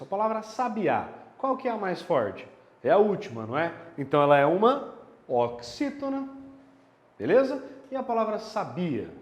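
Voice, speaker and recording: Lively male teacher in an echoey room. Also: sits high. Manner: explains with quick rhetorical questions and checks. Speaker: grammar teacher. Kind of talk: online grammar lesson. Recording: echoey room with long reverb.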